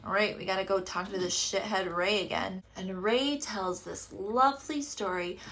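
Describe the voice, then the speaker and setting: A woman's voice: mid-range voice, normal speed, fairly bright tone, a little hiss or hum. A woman hosting a podcast, recapping a TV episode in a casual, sarcastic way, swearing now and then and quoting the characters' lines.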